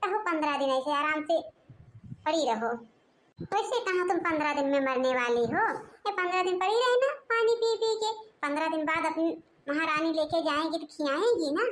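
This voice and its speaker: A sharp-tongued young cartoon daughter-in-law, voiced by a woman, snapping back rudely and sarcastically. Her voice sits high and impatient, with a scolding bite. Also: normal speed, slight background noise. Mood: snappy. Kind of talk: cartoon voice acting.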